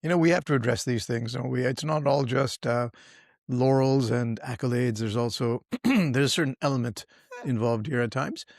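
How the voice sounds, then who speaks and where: A man co-hosting a history podcast in casual chat, measured and reflective. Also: medium pitch, vocal fry, no echo, studio quality. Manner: reflective, measured, breaks into laughs. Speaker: podcast co-host.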